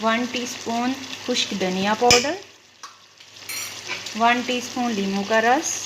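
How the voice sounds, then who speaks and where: Heavy background noise from sizzling oil and stirring surrounds this woman, who speaks slowly with a fairly high, fairly even voice and a Pakistani Urdu accent. Hosting her cooking channel at the stove, she goes through the recipe politely and methodically, quantity by quantity.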